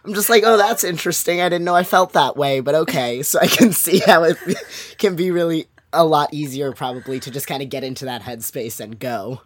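A woman co-hosts a podcast with a hoarse, worn voice after a week of yelling. She sits extremely low for a woman and talks wryly and casually. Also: fairly quick. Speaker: podcast co-host. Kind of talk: casual interview chat.

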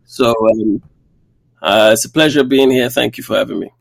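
A man born in Kenya and raised across Central and West Africa, a documentary filmmaker answering interview questions with many pauses and restarts. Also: medium pitch, vocal fry, dry recording. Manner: hesitant, many fillers and restarts.

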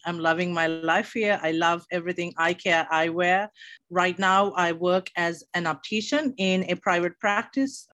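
A woman's voice: fairly low pitch, normal speed, fairly bright tone, no room sound. A young woman from Sri Lanka, an optician, telling her story earnestly in an interview, with small restarts.

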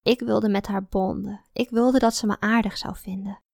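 A woman's voice: mid-range voice, steady tone, moderate pace, vocal fry, a little mellow, dry recording, studio quality. A woman reading a first-person story aloud in a confiding, introspective manner. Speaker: audiobook narrator. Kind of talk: first-person scripted narration.

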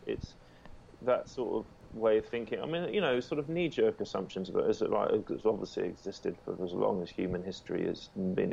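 A man in a casual podcast chat, halting and searching for words as he makes a point. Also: deep voice, vocal fry, dark tone. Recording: dull lo-fi sound with faint noise.

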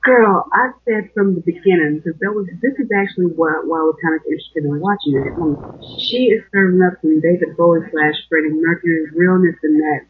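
A man's voice: a little high, a little fast, slightly rough. A man co-hosting a casual podcast chat, chatty, full of you know, often calling the host girl. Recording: phone-like line.

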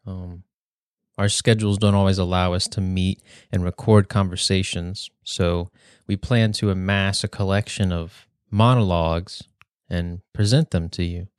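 Low-voiced young man reading a speech. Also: fairly even intonation, clean tone, dry recording, clean studio sound. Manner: measured, earnest, speech-like delivery. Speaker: podcast host.

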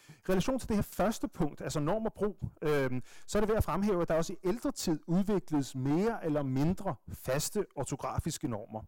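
A middle-aged man lecturing in a slightly raised voice, pausing often with fillers as he works through his points. The sound is close and dry, with no room around it. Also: a little high, lively intonation, a little mellow, no echo. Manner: hesitant, many fillers, thinks aloud. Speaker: lecturer in language history. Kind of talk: academic lecture.

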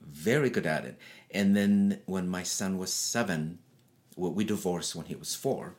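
An older man whose first language is not English, telling lively stories from his life in a casual interview and acting out the voices of people in them. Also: sits low, measured pace. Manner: animated, acts out voices in his stories, laughs often. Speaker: interview guest. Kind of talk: casual storytelling.

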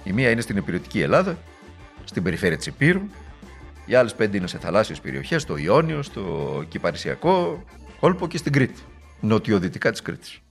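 A man's voice: fairly low pitch, huge pitch swings, creaky, soft background music. A man giving a political speech in a sarcastic, rhetorical, mocking manner.

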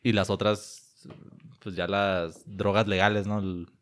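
Low-pitched guy arguing a point casually, lots of fillers. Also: flat delivery, slow, a bit bright. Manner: hesitant, argumentative, slangy. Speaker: podcast co-host. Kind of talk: casual chat.

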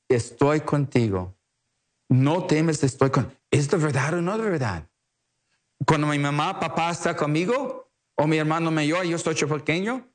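A man preaching a televised sermon in an earnest, emotional way, with simple, halting phrasing. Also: on the high side.

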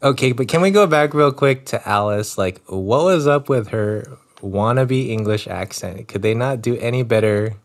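A man with a middle-pitched voice who talks in an easygoing, playful way. He chimes in on a casual podcast conversation. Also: moderate pace, hardly any pauses. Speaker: podcast co-host. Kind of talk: casual chat.

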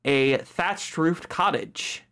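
A game master with a medium-pitched voice narrates a tabletop role-playing scene. The delivery is improvised and halting, with phrases repeated. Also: fairly bright tone, clear, resonant tone.

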